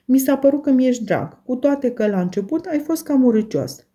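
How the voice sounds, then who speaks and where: A woman reading aloud voices Catherine, a lively, impulsive teenage girl who speaks eagerly and affectionately. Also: high voice, lo-fi sound, voice pushed up. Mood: eager, reproachful.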